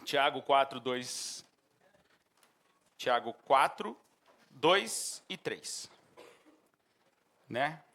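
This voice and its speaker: A man with a Brazilian Portuguese accent preaching a sermon as pastor, breaking into animated outbursts and acted-out shouts. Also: mid-range voice, extremely slow, long pauses.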